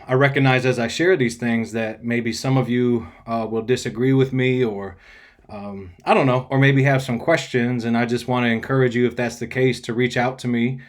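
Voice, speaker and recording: A man, a pastor, sharing thoughts in a casual video message, slightly out of breath and earnest, talking in a halting way with many fillers. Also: medium pitch.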